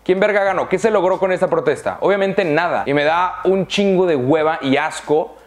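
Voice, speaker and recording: A man's voice: high-pitched, moderate pace. A young man from Monterrey with a northern Mexican accent, giving a blunt, profane opinion rant straight to camera. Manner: blunt, profane and heated, mocking voices. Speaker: vlogger.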